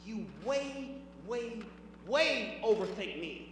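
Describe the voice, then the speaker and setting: A man doing stand-up comedy, animated, acting out voices and shouting punchlines. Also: sits high, slow. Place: large hall before a live audience. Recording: echoey hall recording from far off, noisy.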